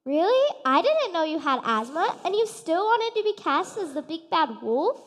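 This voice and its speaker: A nervous, hypochondriac little pig who frets about every sniffle, played by a woman on stage. The voice is high and anxious. A large hall adds echo. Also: very animated, normal speed. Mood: worried. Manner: fretful, hypochondriac. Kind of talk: stage play performance.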